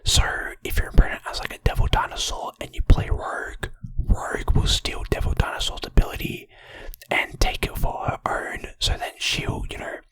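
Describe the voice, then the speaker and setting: A person whispering informal, hesitant ASMR commentary on a card game, breathy, with wet mouth clicks, close to the microphone. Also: moderate pace. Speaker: ASMR content creator.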